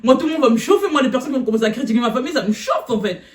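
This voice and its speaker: High-voiced woman telling a story. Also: very fast. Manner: animated, laughs often while telling. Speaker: vlogger. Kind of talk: casual storytime. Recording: echoey room.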